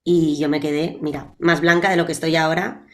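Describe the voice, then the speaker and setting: A woman from Spain in her thirties, a guest actress and speech therapist, telling her story with lively pace. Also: low voice. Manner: lively and quick storytelling, with some restarts. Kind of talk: personal storytelling in an interview.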